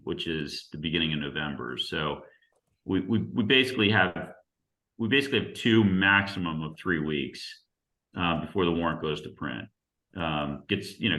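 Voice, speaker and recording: Brief: low-voiced man chairing a committee, forceful tone, halting delivery, roomy echo. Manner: halting, filler-heavy, procedural. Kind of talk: chairing a town committee meeting.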